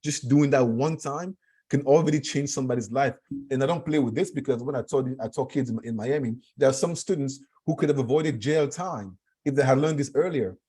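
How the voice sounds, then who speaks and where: A man's voice: mid-range voice, fairly quick, dark tone, husky. A man from Cameroon speaking as a guest, earnest and emphatic, often repeating his phrases. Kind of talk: conversational talk.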